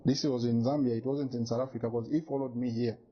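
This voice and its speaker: A man's voice: mid-range voice, steady tone, fast, lo-fi sound, slight background noise. A man giving an interview, insistent and indignant as he talks through his evidence. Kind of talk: press interview.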